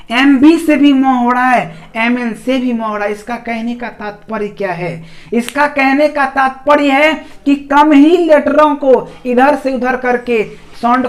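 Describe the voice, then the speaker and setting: A man with a Bihari Hindi accent teaching an English grammar lesson. He keeps asking rhetorical questions, answers them himself, and repeats examples syllable by syllable. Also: very high voice. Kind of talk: classroom video lecture.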